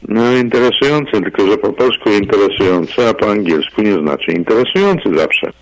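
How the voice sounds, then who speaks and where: A man's voice: lowish voice, lively intonation, a little fast, noisy background. A man, an English teacher, chatting as a radio guest, telling anecdotes and laughing often. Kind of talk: radio chat. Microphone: studio microphone.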